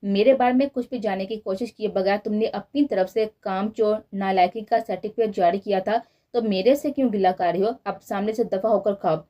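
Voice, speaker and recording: A woman voicing a proud, sharp-tongued young wife in a storybook reading, tart and self-assured. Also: medium pitch, fairly quick, lo-fi sound, close to an everyday voice. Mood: irritated.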